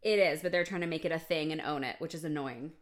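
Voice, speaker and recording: A woman co-hosts a casual chat, playful and chatty, bringing her stories to life. Her voice sits a little low for a woman. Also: fast. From United States. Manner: chatty, playful, animated storytelling. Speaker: podcast co-host.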